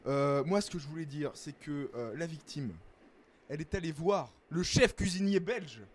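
A man's voice: fairly high pitch, moderate pace, lightly acted. A young man playing an indignant French cook who accuses his rival with mock outrage. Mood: accusing.

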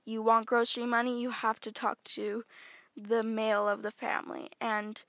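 A woman's voice: on the high side, flat delivery, normal speed, fairly bright tone, no room sound. A teenage girl hosting her own podcast, talking casually in a rambling, chatty way with lots of fillers and self-corrections, close to her microphone. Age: teens. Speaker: podcast host. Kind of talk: casual solo podcast monologue.

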